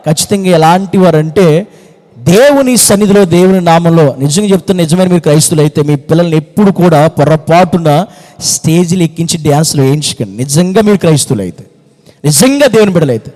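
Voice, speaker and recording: A man's voice: a little high, lively intonation, quick pace, darkish tone, long reverb tail. A man preaching a fervent sermon as pastor, repeating phrases and firing rhetorical questions. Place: church hall.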